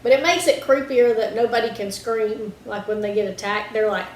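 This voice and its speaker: A woman co-hosts a casual podcast chat, speaking briskly in a fairly high voice, trailing off and using lots of fillers. The recording has a roomy echo and faint background hiss.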